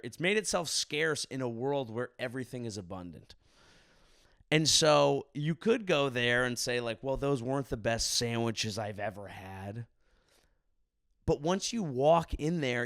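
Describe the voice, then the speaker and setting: Drunk, rambling man with a creaky voice. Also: mid-range voice, fairly bright tone, dry recording, studio quality. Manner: earnest, rambling, sweary. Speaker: content creator, vlogger. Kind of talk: rambling monologue to camera. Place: hotel room.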